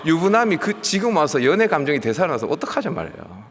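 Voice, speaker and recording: A male youth pastor with a Gyeongsang accent delivers a sermon, animated and emphatic, repeating key words. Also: a little high, fast. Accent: Gyeongsang Korean. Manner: animated preaching with emphatic repetition and asides. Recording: long church hall reverb.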